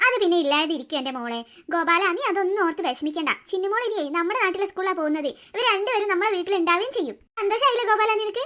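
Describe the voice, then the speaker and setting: A woman voicing a bossy, sharp-tongued grandmother in a cartoon story. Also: very high-pitched, animated, very fast, exaggerated voice. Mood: scolding. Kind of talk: cartoon voice acting.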